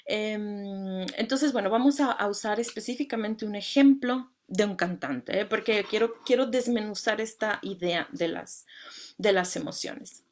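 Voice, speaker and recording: A woman's voice: medium pitch, measured pace. A woman teaching singing in an online lecture with slides. She talks in a conversational way, full of fillers and tag questions.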